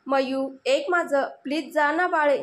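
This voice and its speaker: A woman's voice: high voice, a little slow. A woman voicing a wounded mother who gasps out urgent, fierce words to protect her daughter. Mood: gasping pleading. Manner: urgent, gasping, pleading then fierce.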